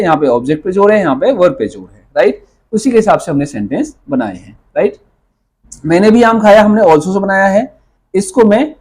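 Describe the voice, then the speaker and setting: A man teaching an English grammar lesson, speaking mostly Hindi with an Indian accent and explaining step by step, asking the class questions and checking in with "right?". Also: high voice.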